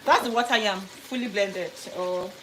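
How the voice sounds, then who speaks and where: A woman's voice: medium pitch, moderate pace, background noise. A woman from Nigeria, chatting casually to live viewers while she cooks in her home kitchen and greets them by name. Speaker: cooking livestream host. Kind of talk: casual live cooking stream. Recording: roomy kitchen echo.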